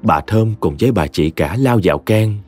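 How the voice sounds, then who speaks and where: A man narrating a short story in a dramatic, expressive audiobook reading. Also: lowish voice, normal speed. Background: soft music.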